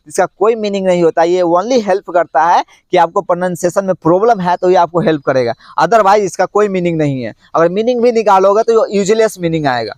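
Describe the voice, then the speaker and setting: High-voiced man coaching English tongue twisters. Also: no room sound. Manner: repeats tongue twisters slowly, then coaches in chatty Hindi. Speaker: English teacher. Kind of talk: pronunciation lesson.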